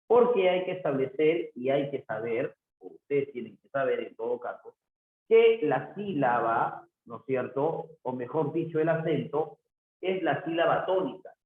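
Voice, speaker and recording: A man's voice: medium pitch, expressive, normal speed. A man teaching a class online, who keeps asking "¿no es cierto?" and acts out his students' questions himself. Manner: repeats the tag "¿no es cierto?" often, voices imagined student questions himself. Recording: echoey room over a tinny phone-like line.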